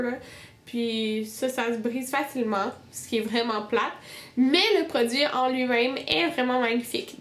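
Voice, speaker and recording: A young woman with a Québécois French accent and a cold-stuffed voice chats casually about her favorite beauty products in a monthly favorites video. Her voice sits high with a roomy sound, and as a beauty vlogger she talks in a chatty way, full of fillers and restarts.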